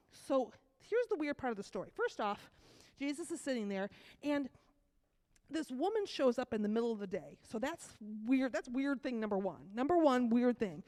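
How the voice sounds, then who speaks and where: A woman with a cold giving a children's sermon, telling a story to kids with lively asides and questions. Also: on the high side. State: has a cold. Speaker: children's message leader.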